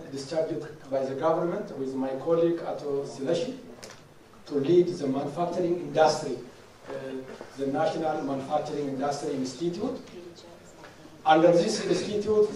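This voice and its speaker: A middle-aged man from Ethiopia with an Ethiopian accent, giving a conference presentation in a halting way, full of fillers and restarts. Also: on the high side, dark tone. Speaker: government delegate speaker. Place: large conference hall. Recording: echoey hall, distant mic.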